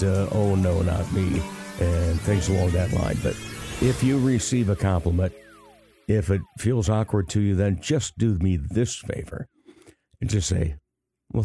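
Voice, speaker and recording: A man in his sixties with a raspy, gravelly voice, hosting a podcast in a conversational style. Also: lowish voice. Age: 60s. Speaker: podcast host.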